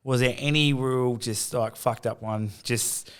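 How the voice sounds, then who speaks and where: A man's voice: medium pitch, fairly even intonation, unhurried, clean tone. A man co-hosting a podcast, full of teasing jokes in casual chat. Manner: joking, teasing banter. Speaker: podcast co-host.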